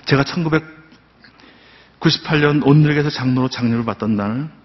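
A man's voice: medium pitch, normal speed. Older man's heartfelt church testimony. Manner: earnest, heartfelt storytelling. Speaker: church elder giving testimony. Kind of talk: personal testimony at a dawn prayer service. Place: church sanctuary. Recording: dull sound with long hall reverb.

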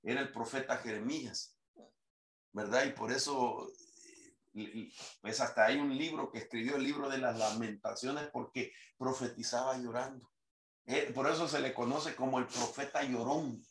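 A man's voice: medium pitch, moderate pace, echoey room. A man preaching a sermon, quoting scripture in a raised reading voice. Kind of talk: sermon teaching.

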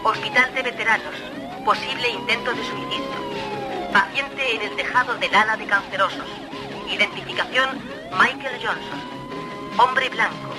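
A clipped police dispatcher over the radio. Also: female voice, on the high side, low-quality recording. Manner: clipped, procedural reading of codes. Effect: police radio transmission. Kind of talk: dubbed film dialogue.

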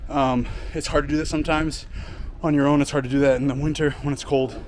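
A man's voice: on the high side, level tone, fast, a little hiss or hum. Guy in his home gym, out of breath, talking through a workout with lots of ums. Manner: explains training plainly between efforts, with fillers. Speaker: fitness coach. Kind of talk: casual workout vlog talk. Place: home gym and outdoors in winter.

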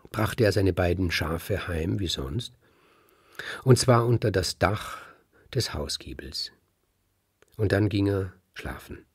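A man telling a fairy tale aloud in a deliberate way, now and then asking his listeners a question. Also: low-pitched, darkish tone, breathy edge, dry recording, studio quality. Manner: slow, deliberate, addresses listeners directly. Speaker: storyteller.

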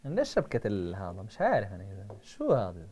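A man with a Jordanian Arabic accent teaching a live online math review, firing quick questions at his students. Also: lowish voice, huge pitch swings, dark tone, breathy edge, highs cut off.

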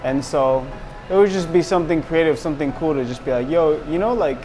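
A man in his thirties who owns a small restaurant with a painted mural wall chats casually and laid-back, full of slang and fillers. His fairly high voice is brisk, heard over music, and the audio is poor.

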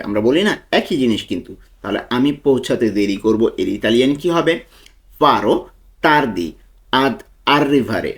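A man teaching a language lesson, breaking each phrase into words and repeating them patiently. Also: medium pitch. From Bangladesh. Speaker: language tutor. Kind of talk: slow spoken language lesson.

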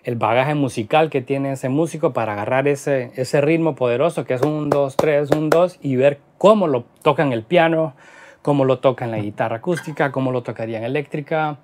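A man's voice: mid-range voice, fairly quick, darkish tone, a little hiss or hum. A man teaching a guitar lesson in Spanish, explaining rhythm patterns and counting beats aloud as he plays. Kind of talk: instructional lesson. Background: guitar playing.

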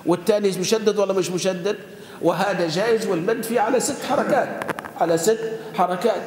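A high-pitched man teaches a grammar class. He drills each word form by repeating it slowly and quizzing the room. His voice rings through a long, reverberant hall with a faint hum of ambient noise. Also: a little mellow. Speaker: sheikh teaching Arabic grammar. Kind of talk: classroom grammar lesson with student call-and-response. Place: lecture hall with students.

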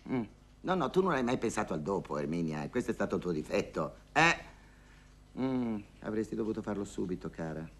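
A man's voice: on the low side, big pitch swings, fairly quick, fairly bright tone, exaggerated voice. An actor playing a lonely older woman who gossips and haggles on the phone in a theatrical monologue, sighing and wryly complaining. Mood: wistful. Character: lonely, wry older woman hiring a dance partner.

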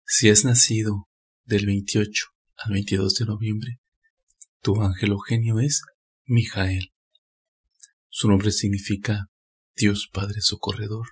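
A man calmly reading a scripted spiritual narration in a measured, steady way. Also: fairly low pitch, breathy edge.

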